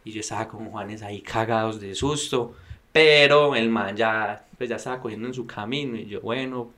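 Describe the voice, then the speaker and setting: A man's voice: on the low side, moderate pace. Slangy young man from Medellín. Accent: Medellín Colombian Spanish. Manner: slangy, animated, acts out quoted voices. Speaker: podcast co-host. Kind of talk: casual podcast storytelling.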